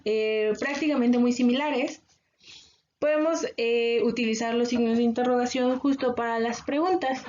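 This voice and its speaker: High-voiced Mexican woman teacher, muffled audio. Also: a little mellow. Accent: Mexican Spanish. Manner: patient, explanatory, with frequent filler pauses. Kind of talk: recorded online class lecture.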